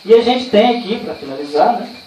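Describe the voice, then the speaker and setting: Brazilian guy leading a workshop, high-ish voice, chatty, lots of rhetorical questions, sounds far off from the mic. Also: lively intonation, a little fast, a little mellow. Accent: Brazilian Portuguese. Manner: conversational, explains with rhetorical questions and personal anecdotes. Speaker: workshop trainer. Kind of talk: informal training talk. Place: indoor training room. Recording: echoey room, far from the mic, faint insect noise.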